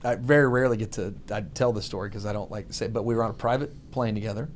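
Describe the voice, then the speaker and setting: Man, from Texas, casual talk-show host, animated storyteller, faint hiss behind. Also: fairly low pitch, very fast. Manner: animated storyteller, mimics voices. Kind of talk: casual chat.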